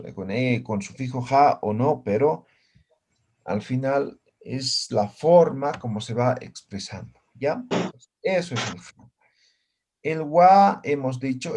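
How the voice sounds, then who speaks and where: Slow, patient male teacher. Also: mid-range voice, darkish tone. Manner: patient explaining, constant "no?" checks. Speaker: language teacher. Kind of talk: classroom lesson.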